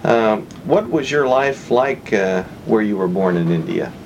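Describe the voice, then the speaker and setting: A man's voice: lowish voice, expressive, unhurried, darkish tone, a little hiss or hum, poor audio. A man hosting an oral history interview, asking questions politely and with many hesitant fillers.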